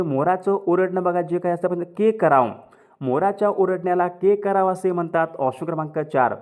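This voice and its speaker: Male teacher, high voice, quizzes then answers, repeats key words. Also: darkish tone. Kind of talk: exam question walkthrough.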